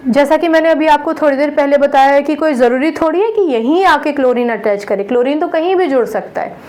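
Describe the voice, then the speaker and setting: A woman's voice: high-pitched, darkish tone, low-quality recording. A woman teaching a chemistry lesson, patiently walking students through naming compounds and often checking in as she goes. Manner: counts out carbons slowly. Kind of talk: online classroom lecture.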